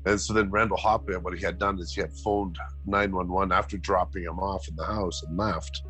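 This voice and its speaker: A man's voice: deep voice, fairly quick, soft background music, rough recording. A middle-aged man recounting a family event in an interview, acting out the voices of the people he quotes. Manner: animated, acts out quoted dialogue. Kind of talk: emotional interview storytelling.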